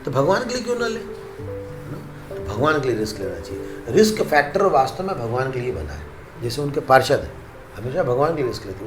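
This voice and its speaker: A man's voice: fairly high pitch, roomy sound. A man preaching a casual devotional talk to young people, repeating phrases for emphasis and chuckling at his own jokes. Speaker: monk preacher giving a youth talk. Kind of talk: Hindi devotional talk mixed with English words.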